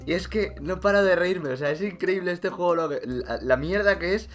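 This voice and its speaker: A young man with a Spain Spanish accent, giggling and shouting through a gaming commentary, laughing at nearly everything. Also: high voice, normal speed, faint music behind. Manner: laughing constantly, loud exclamations, swearing. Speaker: gaming YouTuber. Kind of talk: let's play commentary.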